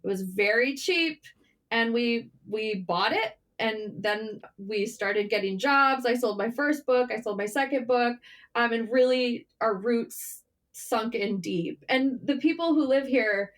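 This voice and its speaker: Speaking a bit slowly in a slightly high voice, this middle-aged American writer from Michigan chats casually as an interview guest on a podcast. She shares personal anecdotes, repeating herself for emphasis.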